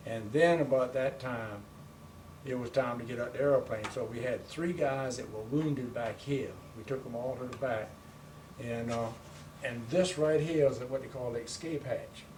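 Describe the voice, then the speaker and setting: A man's voice: medium pitch, normal speed, darkish tone. An elderly man, a war veteran, remembering his service in a plain-spoken, conversational way. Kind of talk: recollecting wartime service in conversation. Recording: noisy room, distant microphone.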